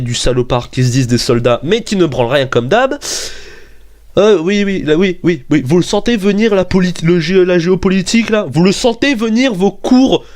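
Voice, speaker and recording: Brief: young male vlogger, high voice, rants and swears, jumps into squeaky outbursts. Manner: excitable, swearing, jumps into high-pitched outbursts and argues with himself. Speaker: YouTube weapons video host. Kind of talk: comedic rant vlog.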